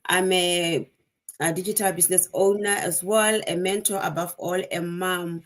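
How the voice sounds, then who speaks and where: A woman, co-hosting a livestream in a polite, measured way. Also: lowish voice, steady tone. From Botswana. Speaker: co-host.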